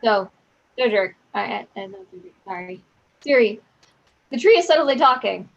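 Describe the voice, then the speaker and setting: A woman's voice: mid-range voice, animated, moderate pace, vocal fry, highs cut off. A woman chatting casually as a player in a tabletop game, hesitant and searching for words.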